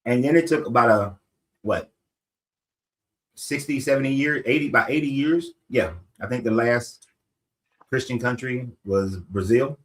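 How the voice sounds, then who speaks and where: A man's voice: mid-range voice, unhurried, pauses often, fairly bright tone, rough recording. A middle-aged man explaining history in a casual discussion, often tossing in rhetorical questions.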